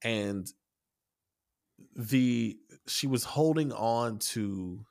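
A man's voice: mid-range voice, extremely slow, gravelly, a little mellow. A man in casual podcast chat, rambling with many restarts and casual swearing as he explains an article he wrote. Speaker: podcast co-host and article writer.

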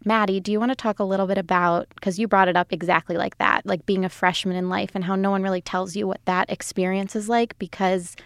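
A woman's voice: medium pitch, level tone, quick pace, hardly any pauses, no echo, clean studio sound. A woman in her twenties hosting a casual podcast chat, talking easily and laughing often. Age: 20s. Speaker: host.

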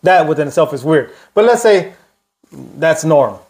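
A man's voice: fairly high pitch, animated, unhurried, gravelly, darkish tone. A man co-hosting a casual podcast, talking informally and questioning his partner. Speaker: podcast co-host.

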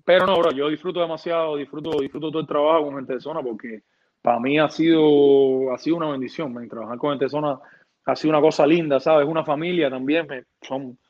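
A man's voice: fairly high pitch, steady tone, fast, a little mellow. Rambling man. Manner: rambling, repeats words and restarts, many fillers. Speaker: music producer. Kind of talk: casual interview talk. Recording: dull lo-fi sound.

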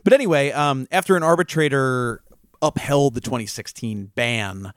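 A man hosting a podcast, explaining legal news in a casual, explanatory way with frequent filler pauses. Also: mid-range voice, no room sound, studio quality. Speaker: podcast host and legal reporter. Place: New York.

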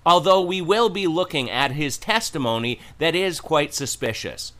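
A man's voice: a little high, expressive, normal speed, sharp tone. A man hosting with scripted religious commentary, speaking in an admonishing, declarative way.

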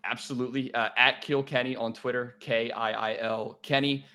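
A man's voice: medium pitch, little pitch movement, normal speed, bright, forceful tone. A man with a Delco accent from the Philadelphia area, chatting casually as a guest on a show. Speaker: guest, streamer. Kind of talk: casual chat.

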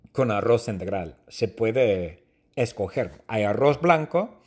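Slow, husky man teaching. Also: medium pitch, darkish tone. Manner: answers his own numbered questions, repeating phrases slowly. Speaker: language teacher. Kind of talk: slow Spanish lesson monologue.

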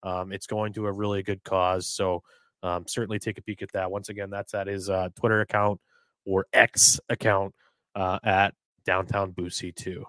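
A man from New Hampshire co-hosting a casual sports podcast, animated and quick to get heated, swearing freely. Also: low-pitched, no room sound. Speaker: podcast co-host.

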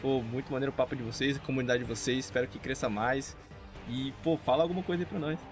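A man's voice: mid-range voice, steady tone, fast, faint music behind. A man hosting a podcast, jokey and casual. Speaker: podcast host.

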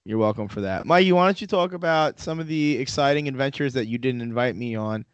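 A man's voice: mid-range voice, a little fast, no echo, lo-fi sound. A man co-hosting a podcast in casual chat, rambling and joking as he tells stories. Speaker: podcast co-host.

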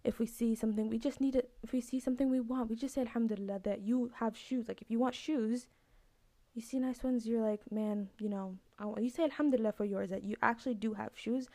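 A woman's voice: fairly high pitch, steady tone, quick pace, mellow, no echo. A woman hosting a podcast, giving a casual, earnest religious talk that repeats its points. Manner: earnest, repetitive, conversational. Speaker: podcast host.

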